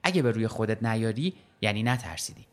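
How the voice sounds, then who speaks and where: A man's voice: lowish voice, lively intonation, close to an everyday voice. A man voicing a friend who gives matter-of-fact advice.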